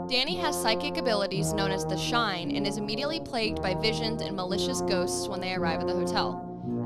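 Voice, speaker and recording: A teenage girl giving a movie review on a student news show, reading with a lively, upbeat delivery. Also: mid-range voice. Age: teens.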